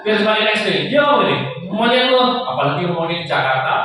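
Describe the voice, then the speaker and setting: A lively man speaks to a room of parents, quizzing them and joking between points. His fairly high voice comes from a distance, and the hall gives it a strong echo. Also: very fast, slight background noise. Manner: lively, playful, asks the audience questions. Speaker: motivational speaker. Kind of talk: seminar talk to parents. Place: school hall with an audience. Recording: echoey hall, voice from far off.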